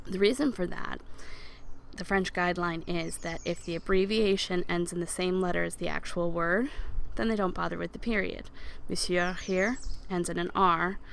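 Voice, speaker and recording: Low, gravelly-voiced woman teaching French. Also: steady tone, a bit bright, slight background noise. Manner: explains patiently, models French words slowly for repetition. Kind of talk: recorded language lesson over slides.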